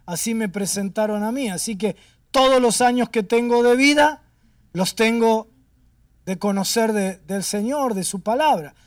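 A man preaching a storytelling sermon as a pastor, emphatic and swinging between raised and hushed delivery. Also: sits high, a little slow, dry recording, clean studio sound, far from the mic.

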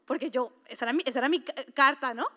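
A middle-aged woman pastor delivers an impassioned sermon in a high voice. She drops to near-hushed tones and then rises to loud, emphatic declarations. Her preaching is energetic and urgent. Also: fast talker. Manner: impassioned preaching with sudden swings from soft to loud. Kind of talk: sermon to a women's gathering.

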